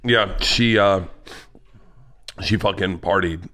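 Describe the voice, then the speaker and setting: A man's voice: low voice, slow, pushed and bright. A man hosting a comedy podcast, telling stories in a casual, profane, joking way. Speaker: podcast host.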